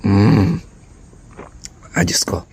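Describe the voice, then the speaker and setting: Hoarse man with a croaky voice. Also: drawn-out words, a little mellow, slight background noise. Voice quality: raspy, croaky voice. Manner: chatty Taglish, mixing in English; laughs breathily between phrases. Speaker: vlogger. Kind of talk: casual vlog chat.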